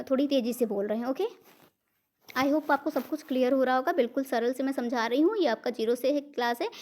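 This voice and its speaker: A woman's voice: on the high side, a little mellow. A woman with an Indian accent teaching an exam-prep grammar lesson. She explains step by step, asks questions and answers them herself, and mixes English words into her teaching.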